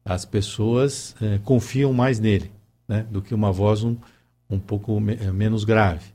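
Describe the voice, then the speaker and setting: A man's voice: lowish voice, steady tone, measured pace, dark tone. A man talking in a casual conversation, hesitant, with many fillers and restarts.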